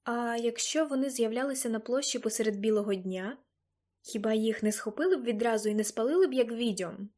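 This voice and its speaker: A woman's voice: fairly high pitch, brisk, dark tone, lightly acted. A woman reading the lines of a curious, questioning teenage girl in an audiobook.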